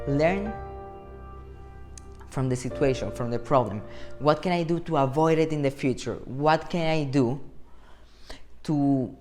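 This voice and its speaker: A Venezuelan-accented motivational speaker in his twenties addresses the camera with a slightly high voice. He is playful and animated, acting out imagined dialogue.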